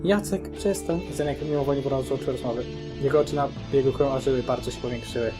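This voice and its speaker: Quick-reading male storyteller. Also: mid-range voice, little pitch movement. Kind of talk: scripted narration of a horror story. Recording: faint guitar music behind.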